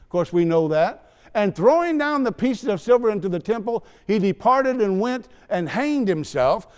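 Male preacher, high voice, chatty sermon w/ little jokes, long echo from the church room. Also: very animated, normal speed, a little mellow, smooth. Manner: conversational preaching with asides and teasing. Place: church sanctuary. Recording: long church hall reverb.

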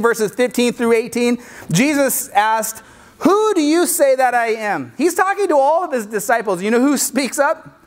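A man, a youth pastor, preaching a sermon in a lively, conversational way, with frequent asides to his listeners. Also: high voice.

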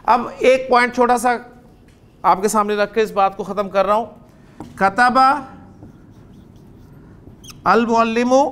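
A man's voice: high-pitched, fairly even intonation, a little slow, pauses often, fairly bright tone, clear, resonant tone. A man with a Pakistani accent teaching Arabic grammar in a classroom lecture, quizzing his students and dictating phrase by phrase.

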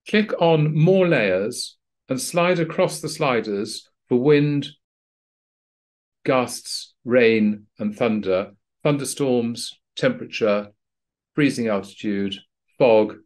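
A man narrating a screen-recorded software tutorial for pilots in a plain, practical, dryly understated way. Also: medium pitch. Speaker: flight training instructor.

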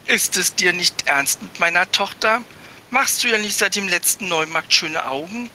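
Man doing icy stern mom figure, slow measured lines, bright voice, bit of rumble. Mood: cold. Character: cool commanding mother, orphanage matron.

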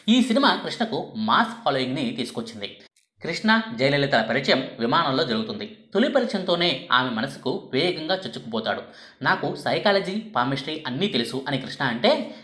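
A man giving scripted documentary narration in a lively storytelling delivery. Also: medium pitch. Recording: echoey room.

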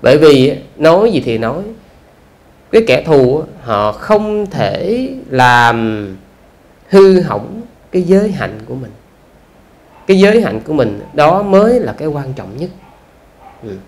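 Very animated and fairly high in pitch, a Buddhist monk delivers a conversational dharma talk in a Southern Vietnamese accent. Rhetorical questions come often, along with drawn-out "à" fillers.

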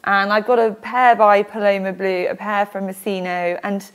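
A woman's voice: mid-range voice, flat delivery, moderate pace. A woman, hosting a casual studio chat and laughing often. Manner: chatty, laughs often, gestures while talking. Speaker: host. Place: small studio with floral wallpaper.

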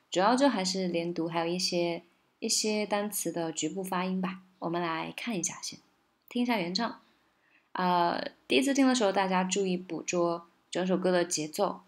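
A woman with a mid-range voice runs a casual song lesson. Her explanations come out brisk and chatty. When she reaches the lyrics, she sings each phrase slowly and lifts the stress toward the end of the line. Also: medium pitch. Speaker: English song tutor.

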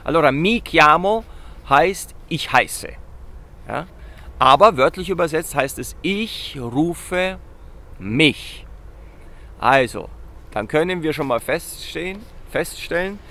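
A man teaching basic Italian in a casual video lesson, lively, asking questions and repeating words slowly and loudly. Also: a little high, a little hiss or hum.

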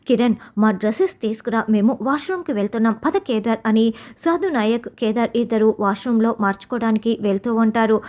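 A woman's voice: on the high side, a little mellow. A woman retelling the scenes of a TV serial episode, reading out every character's lines in her own voice. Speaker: recap narrator.

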